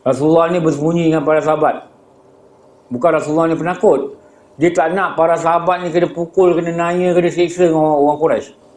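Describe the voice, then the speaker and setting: Malaysian preacher in an echoey prayer hall. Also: male voice, a little high, darkish tone. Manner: conversational storytelling, rhetorical questions, acts out quoted dialogue. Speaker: religious teacher. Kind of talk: mosque lecture.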